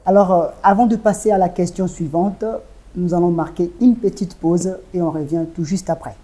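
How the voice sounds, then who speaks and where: A woman hosting a business web show, asking formal, measured interview questions. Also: on the low side, steady tone.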